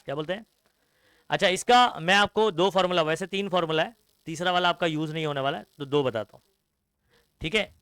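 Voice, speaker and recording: A man's voice: sits high, a bit bright, clear, resonant tone, no echo. A young man teaching a classroom science lecture, mixing English terms into his talk and constantly quizzing students with call-and-response questions. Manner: mixes Hindi with English terms, scolds students.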